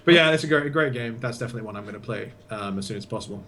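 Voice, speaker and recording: A man co-hosting a casual gaming podcast, easygoing and quick to laugh. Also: medium pitch, a bit bright. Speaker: podcast co-host. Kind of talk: casual chat.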